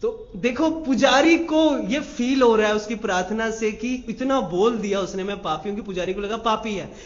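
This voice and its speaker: A man, a monk preacher, giving a devotional sermon with animated storytelling and acted-out quotes. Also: high-pitched, normal speed. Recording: roomy, slightly dull recording.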